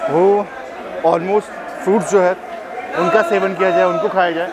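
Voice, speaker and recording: A man's voice: sits high, fairly even intonation, unhurried, over a noisy crowd. A young man chatting casually as a train travel vlogger, holding the camera at arm's length. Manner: chatty, filler-heavy, upbeat. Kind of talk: casual travel vlog narration. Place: outdoors on railway platforms and inside a train. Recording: loud outdoor and train noise.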